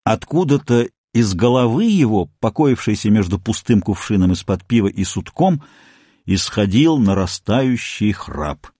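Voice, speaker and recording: A man reads a story aloud as an audiobook narrator, with lively, expressive pitch. His voice is mellow and the recording is close and dry. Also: a little slow, no room sound.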